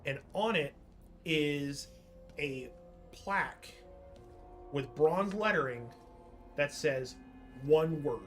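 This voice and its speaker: A woman narrating a tabletop role-playing game as game master, describing scenes in halting, improvised phrases. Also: low voice, lively intonation, faint music behind.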